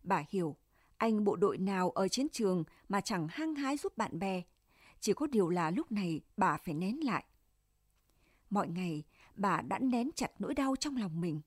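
A woman narrating a literary story in a measured, solemn storytelling manner. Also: mid-range voice, expressive, no room sound, clean studio sound.

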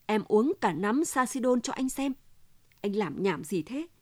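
A woman's voice: mid-range voice, lively intonation, measured pace, no room sound. Woman reading as a pleading, distraught wife. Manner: pleading, insistent.

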